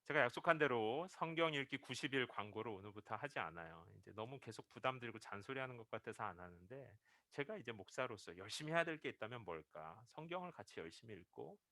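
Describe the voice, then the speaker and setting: A man's voice: medium pitch, expressive, fast, hardly any pauses, pushed and bright, dry recording. A male pastor preaching a Sunday sermon, telling a story and acting out the quoted lines as he builds to emphatic peaks.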